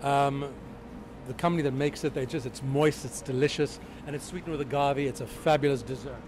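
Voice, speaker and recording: A man in his fifties who runs a small restaurant talks up his cooking with upbeat energy in an informal interview, street noise around him. His mid-range voice holds a steady tone, the pace is a little fast, and the background is noisy.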